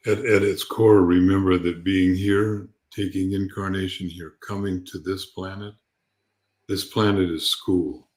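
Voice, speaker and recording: Low-voiced guy, calm n gentle spiritual teacher, thinks out loud, kinda halting. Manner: halting, repeats words as he goes. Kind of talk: unscripted spiritual talk.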